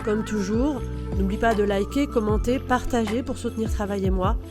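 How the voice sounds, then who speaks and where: A woman's voice: mid-range voice, normal speed, over music. A woman hosting a conversational interview podcast as a career coach.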